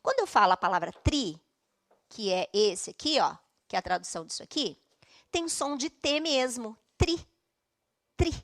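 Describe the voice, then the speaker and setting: A woman's voice: a little high, big pitch swings, normal speed, fairly bright tone. A woman with a Brazilian Portuguese accent teaching an online English class, explaining patiently step by step and checking in often.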